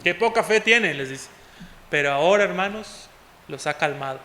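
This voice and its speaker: A man preaching a sermon as pastor, often calling out to the congregation as "hermanos" and moving between loud and soft passages. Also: sits high, expressive, moderate pace, a little hiss or hum. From Mexico. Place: church hall. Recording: long hall reverb.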